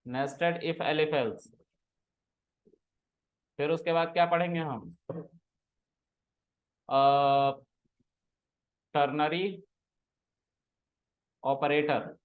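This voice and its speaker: A man's voice: on the high side, fairly even intonation, extremely slow, long pauses, phone-quality sound. A man teaching a programming class, casually quizzing and teasing his students in a classroom. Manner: teasing, asks students questions and scolds them.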